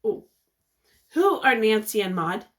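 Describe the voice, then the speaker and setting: A woman with a slightly high voice reads a picture book aloud the way a teacher would, expressive and encouraging. She stops now and then to ask young listeners questions.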